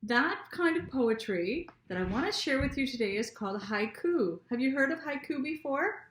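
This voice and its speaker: Woman teacher, higher voice, slow and encouraging with kids, echoey room. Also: expressive. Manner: slow, gentle and encouraging, asking children questions. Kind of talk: children's lesson with read-aloud.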